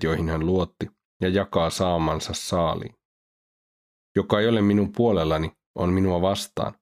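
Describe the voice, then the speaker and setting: A man with a very low voice reads scripture aloud. His delivery is steady and formal, like a scripted audiobook reading. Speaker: scripture reader.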